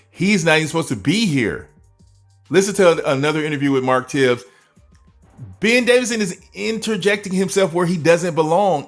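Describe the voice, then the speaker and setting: A man commentating over a boxing video in an animated way, full of rhetorical questions and chuckling asides. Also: fairly high pitch.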